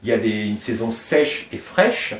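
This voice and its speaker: A middle-aged snake breeder from Réunion Island talks about his animals in a lowish, sing-song voice at a moderate pace. He is chatty and digressive, piling up details. The sound is roomy, as if recorded from a distance.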